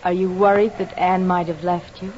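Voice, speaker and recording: A woman's voice: fairly low pitch, level tone, normal speed, a little mellow, natural voice. An actress playing a neurotic, scheming young woman in a 1940s radio drama, pleading and then coldly possessive. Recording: dull old radio broadcast, faint hiss.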